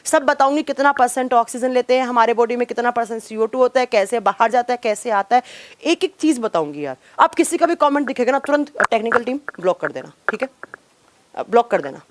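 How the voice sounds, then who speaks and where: A woman's voice: fairly high pitch, animated, a little fast, slight background noise. A young woman teacher, lecturing a live online class on biology, repeating key terms and sharply scolding impatient students.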